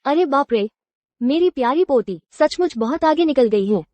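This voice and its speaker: A woman's voice: high-pitched, animated, normal speed, dark tone, no echo. A woman dubbing a proud, doting old village grandmother in a drama. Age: older. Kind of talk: dubbed drama acting.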